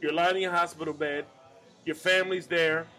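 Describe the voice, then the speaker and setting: Tipsy bar-show host, high bright voice, rowdy and profane. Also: male voice, steady tone, normal speed, soft background music. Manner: boisterous, profane, insistent. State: drinking, tipsy. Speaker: podcast host. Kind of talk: casual bar chat.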